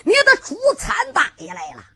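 A woman's voice: extremely high pitch, huge pitch swings, normal speed, pitched above the performer's own voice, exaggerated voice. Woman singing a brash vengeful male villain. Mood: menacing. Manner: sung threats, shouting.

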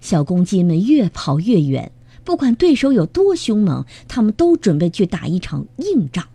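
A woman reading a children's storybook aloud with expressive, dramatic delivery. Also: mid-range voice, moderate pace, gravelly, slightly rough, dry recording.

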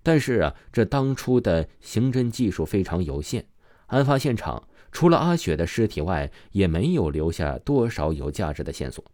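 A man's voice: sits low, very animated, warm tone, dry recording, clean studio sound. A man narrating a scripted true crime story as a dramatic storyteller, drawing out his phrase endings. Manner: dramatic storyteller phrasing with drawn-out sentence particles.

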